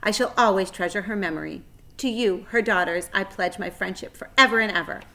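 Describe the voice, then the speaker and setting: A woman's voice: medium pitch, fairly quick, pushed and bright. A woman voicing an earnest, emotional young male pig in a storybook, with a pleading, heartfelt manner. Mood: solemn, tender.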